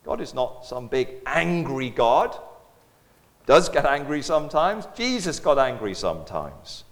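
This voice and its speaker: A man preaching a sermon as pastor, animated and dramatic, acting out the voices of the crowd as he goes. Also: mid-range voice, unhurried. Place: church. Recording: long reverb of a church hall.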